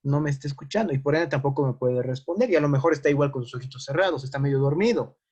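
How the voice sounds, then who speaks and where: A man's voice: on the high side, very fast, a little mellow, highs cut off. A man teaching a first-aid class, explaining with worked examples and asking the class questions. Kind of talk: classroom lecture.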